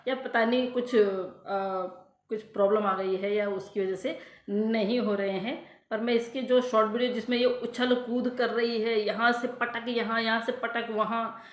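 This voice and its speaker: A woman's voice: fairly high pitch, roomy sound. A woman vlogger ranting to her viewers in scornful, insulting commentary that keeps circling back on itself. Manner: scornful, insulting, repeats herself.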